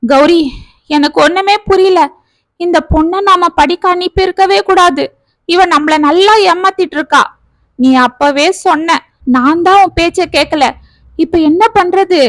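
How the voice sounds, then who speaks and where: A woman's voice: sits high, normal speed, a bit bright, no room sound. Anxious, pleading middle-aged father, read by a woman narrator; family storybook voice, dry close recording. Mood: distraught. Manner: pleading, worried.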